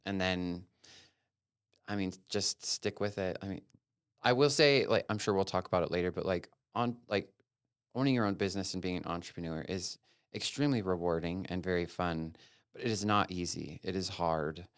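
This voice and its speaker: A man from Wyoming speaks as an interview guest, candid and earnest, his thoughts running on in long strings. His voice sits low and comes through smooth and resonant. The sound is dry and close. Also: moderate pace, dry recording. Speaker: guest, elopement photographer. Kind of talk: casual interview talk.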